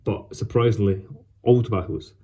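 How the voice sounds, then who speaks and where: A man chatting casually as a solo vlog host, with an unhurried, rambling and halting delivery. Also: on the low side, steady tone, dark tone. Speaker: host of a pipe tobacco vlog. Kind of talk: casual solo chat to camera.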